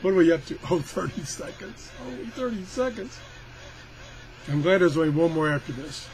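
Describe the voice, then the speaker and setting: This product reviewer is an older man whose slightly high voice is expressive and moves at a normal speed. He demonstrates the item casually, rambling along in a grumbling, folksy, self-deprecating way, captured on a clearly noisy amateur recording.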